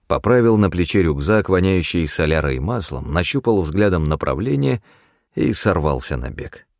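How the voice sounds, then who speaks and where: A man narrating a first-person audiobook in a measured, expressive reading. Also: deep voice, creaky, no room sound, clean studio sound.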